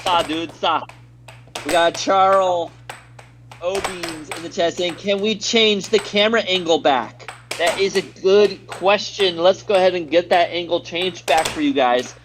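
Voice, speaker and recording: A man's voice: high-pitched, a little slow, noisy background. An American man doing live play-by-play commentary on a stream, reading viewer chat aloud between plays in an upbeat way.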